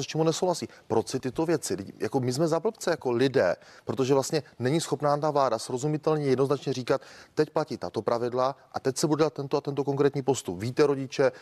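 A man's voice: mid-range voice, darkish tone. A man, an opposition politician in a debate, speaking insistently and critically.

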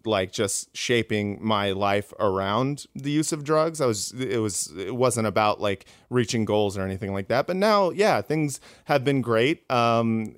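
A comedian guest in a casual interview, rambling with many fillers and restarts. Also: male voice, fairly low pitch, clear, resonant tone, no room sound, studio quality.

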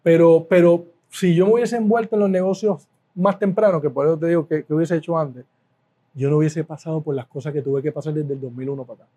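A middle-aged Puerto Rican man speaks as an interview guest, a little high in pitch but soft and mellow in tone. He tells stories with animation, stacking repeated words for emphasis and laughing now and then. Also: steady tone, fast talker. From Puerto Rico. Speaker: guest, food business owner. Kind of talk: casual interview storytelling.

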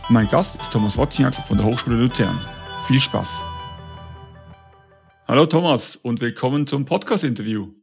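A man's voice: medium pitch, moderate pace, vocal fry, long pauses, over music. A man hosting a podcast, asking questions in an upbeat, enthusiastic way and reading a sponsor message. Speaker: podcast host.

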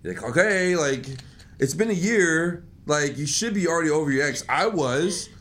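A young man in casual chat, animated and profane, acting out what people say. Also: fairly high pitch, normal speed. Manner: animated, swearing, acts out quotes.

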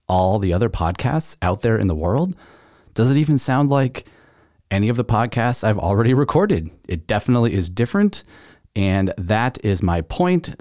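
A man's voice: fairly low pitch, darkish tone, no echo, studio quality. A man hosting his own podcast, talking casually and putting rhetorical questions to his listeners. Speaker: podcast host. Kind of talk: casual solo podcast talk.

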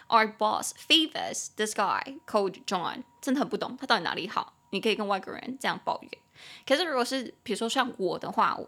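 A woman's voice: medium pitch, fairly bright tone. A woman hosting a casual English-lesson podcast, chatty and prone to tangents, spelling out words as she teaches. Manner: chatty, digressive, spells out words and switches between Mandarin and English. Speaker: English tutor and podcast host.

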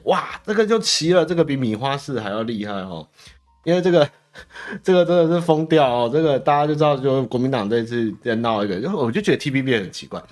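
Fast-talking sarcastic Taiwanese Mandarin man. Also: lowish voice. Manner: rambling, sarcastic, trailing filler "哦". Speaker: host answering viewer mail. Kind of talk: casual political commentary.

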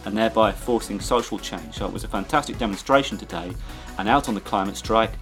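A man with a fairly low voice narrates a scripted podcast as its host. Music runs underneath his delivery. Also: fast talker, a bit bright.

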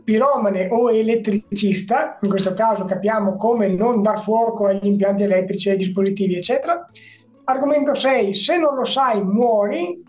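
A man's voice: high voice, a little mellow. A man acting as guest quizmaster, presenting and explaining in a casual, informal way. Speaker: guest quizmaster, electrical trainer. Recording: echoey room.

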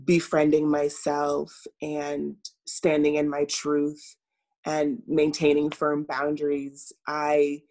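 A woman coach speaking as an interview guest, measured and earnest, pausing often with fillers. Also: deep voice, darkish tone. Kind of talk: reflective interview talk.

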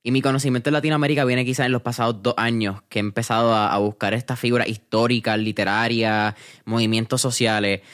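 Relaxed male podcast host. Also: medium pitch, fast. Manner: relaxed, mixes English words into Spanish. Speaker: podcast host interviewing an entrepreneur. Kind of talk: casual interview chat.

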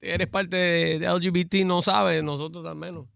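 A man co-hosts radio in a slightly high voice with a lot of fry. He explains things casually, repeating words and mixing in some English. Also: fairly even intonation, normal speed, a bit bright, dry recording, clean studio sound. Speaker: radio co-host.

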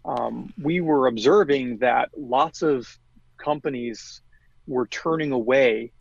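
A man's voice: mid-range voice, takes it slowly, gravelly, no echo. Hesitant man with muffled audio. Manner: hesitant, many fillers and restarts. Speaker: guest, marketing executive. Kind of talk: conversational interview.

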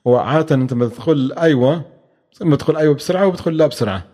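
A man's voice: fairly high pitch, racing, mellow. A man answering interview questions, with many hesitations and restarts. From Oman. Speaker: guest, venture capital expert.

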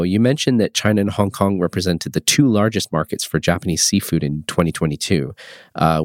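A man's voice: sits low, dry recording, studio quality. A man with a nasal, stuffed-up voice from a cold, presenting and interviewing as a podcast host.

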